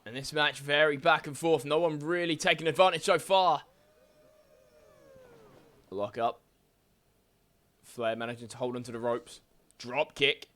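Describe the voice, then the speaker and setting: A man calls wrestling play-by-play over gameplay, naming every hold and slam as it lands. His voice sits a little high and rings bright and forceful. He breaks into excited exclamations at the big moments. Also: a little slow, pauses often. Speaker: video game commentator.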